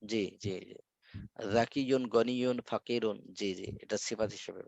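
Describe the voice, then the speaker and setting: A man's voice: lowish voice, steady tone, moderate pace, creaky, a little mellow, no room sound. A male teacher leading an online class, patiently repeating words so students memorize them. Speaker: Arabic teacher. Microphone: video call.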